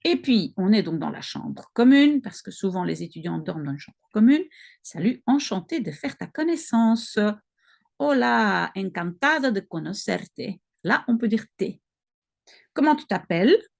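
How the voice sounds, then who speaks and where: A woman with a Belgian French accent, reading practice sentences slowly and carefully, explaining and correcting herself as she goes. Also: medium pitch, big pitch swings, creaky, darkish tone. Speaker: language-learning video host. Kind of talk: reading practice dialogue aloud.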